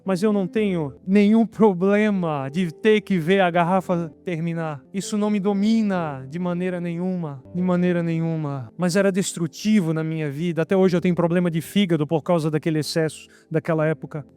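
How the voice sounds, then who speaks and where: A man's voice: high voice, brisk, few pauses, darkish tone, clean tone, soft background music. A man giving an emphatic sermon testimony, often calling his listeners brother. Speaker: preacher.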